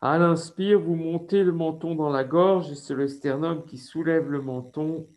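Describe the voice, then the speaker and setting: A man with a French accent leading a yoga class over a video call, giving slow, calm instructions with breathing cues. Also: a little high. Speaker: yoga teacher.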